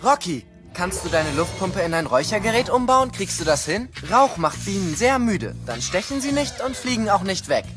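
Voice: medium pitch, sing-song, moderate pace, few pauses, natural voice. A performer playing a confident, kind boy who leads a rescue team, encouraging and instructing in a children's audio drama. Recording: music behind.

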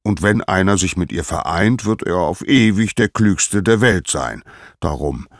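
A man's voice: low voice, expressive, measured pace, no echo, studio quality, voice pushed up. A man voicing Zeus as a mighty, grumpy old god-king suffering a headache, groaning and suspicious. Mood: irritable, aching.

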